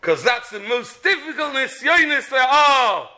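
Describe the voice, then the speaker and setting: A man's voice: very high voice, sing-song, unhurried, pushed and bright. A man with a Yiddish-inflected British accent gives an impassioned religious sermon as a rabbi, mixing English and Yiddish and repeating phrases for emphasis. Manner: switches between English and Yiddish.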